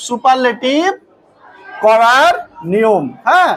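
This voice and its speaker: Woman, grammar teacher, high voice, asks and answers her own questions. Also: expressive, slow pace, a crowd in the background, poor audio. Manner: quizzes students with questions, then answers them herself. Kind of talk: classroom lesson.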